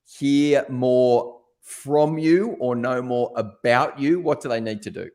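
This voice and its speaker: A man's voice: mid-range voice, slow, a little mellow. A middle-aged man hosting a leadership interview, asking his questions in a friendly, encouraging way. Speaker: podcast host. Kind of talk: conversational interview.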